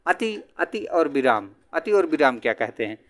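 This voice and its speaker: A man teaches an exam-prep grammar lesson in a voice pitched a little high. He keeps asking his students questions and then answers them himself. When he quotes verse, he slows down and chants the lines. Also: big pitch swings.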